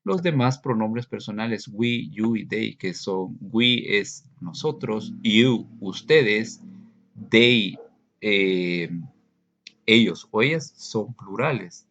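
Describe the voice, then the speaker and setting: A man teaching English grammar in a recorded lesson, slowly and patiently explaining and repeating examples. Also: on the low side, lively intonation, a bit bright, lo-fi sound, a little hiss or hum.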